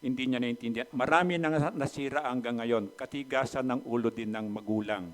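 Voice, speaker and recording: A middle-aged man from the Philippines preaching a sermon. He often asks the congregation questions, and his voice swings between loud, emphatic bursts and quiet asides. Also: mid-range voice, fairly quick. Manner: mixes Tagalog with English phrases, asks the congregation questions. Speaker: pastor.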